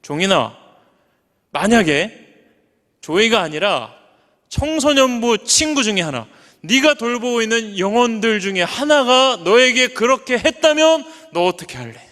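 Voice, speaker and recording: God as a calm, fatherly male voice, as a preacher puts him on, dropping low and speaking firmly yet gently. The voice is higher than most men's but sits down in a softer register, and it rings with long church reverb. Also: a little slow, full character voice. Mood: gentle.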